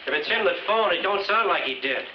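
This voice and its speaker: A man's voice: sits high, animated, brisk. An actor playing a hesitant, folksy police subordinate, a man speaking deferentially in a 1950s comedy film. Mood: unsure, deferential. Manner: uncertain, deferential. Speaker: police officer. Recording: dull, echoey, noisy 1950s film soundtrack.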